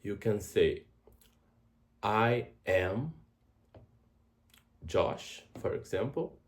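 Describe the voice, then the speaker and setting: A Brazilian man, a native Portuguese speaker with a Brazilian Portuguese accent, introduces a travel language course as its tutor. He speaks slowly and deliberately, often repeating words, in a lowish, expressive voice.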